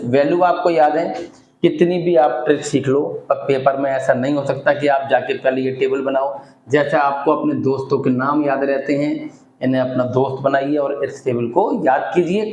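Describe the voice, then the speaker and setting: A man's voice: mid-range voice, normal speed, darkish tone, echoey room, a little hiss or hum, low-quality recording. A man teaching a maths lesson, explaining each step in turn and mixing Hindi with English terms. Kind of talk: classroom maths lecture.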